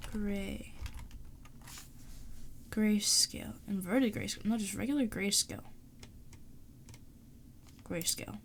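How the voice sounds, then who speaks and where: A woman's voice: mid-range voice, slow pace, creaky, long pauses, a little hiss or hum. A woman streamer, sick and sparing her voice, chatting casually and thinking aloud while she draws on a live stream. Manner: thinking aloud, rambling, laughs often.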